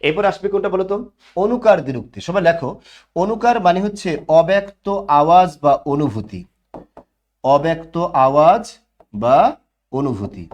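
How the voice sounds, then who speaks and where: A man's voice: a little high, animated, moderate pace, long pauses, darkish tone. A man teaching an online class, explaining grammar and answering his own questions. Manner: explanatory, asks questions and answers them himself.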